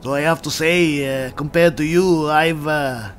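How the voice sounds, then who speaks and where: A man role-playing a hearty, loyal, bawdy barbarian adventurer in a game, speaking in halting, thoughtful phrases. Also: a little high, fairly even intonation, soft background music, natural voice. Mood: warm, rousing. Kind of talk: improvised game role-play.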